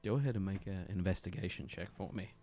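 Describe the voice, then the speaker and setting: Very deep-voiced guy dming a tabletop game, laid back, faint music under it. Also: fast. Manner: relaxed, describing scenes with fillers. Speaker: game master.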